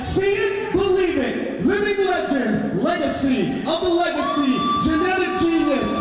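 Loud boastful wrestling manager guy hyping on the mic, echoey hall, big crowd. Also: extremely high pitch, recorded from a distance, background noise. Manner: bombastic, boastful wrestling manager shouting hype. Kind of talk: wrestling promo. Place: ring in a dark indoor wrestling venue. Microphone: handheld microphone over the PA.

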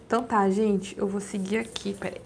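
A woman hosting a casual live stream from home, chatty and quick to laugh. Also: mid-range voice, flat delivery, creaky, a little hiss or hum.

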